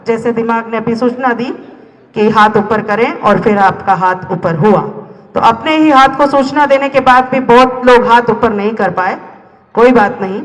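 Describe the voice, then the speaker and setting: Male poet, very high voice, live stage recitation, repeats lines, long hall echo. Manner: declamatory, repeats each line, addresses listeners directly. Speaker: poet performing at a college event. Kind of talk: dramatic poetry recitation to a live audience.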